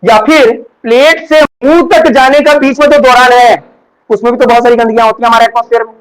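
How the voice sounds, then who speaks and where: A man with a very high-pitched voice teaches a class. He works through each idea step by step, posing questions and then answering them himself. He often repeats key words and keeps checking that his students are following. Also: steady tone, fast, clear, resonant tone, rough recording. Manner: keeps checking understanding with "ठीक है? है ना?". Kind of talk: classroom lecture.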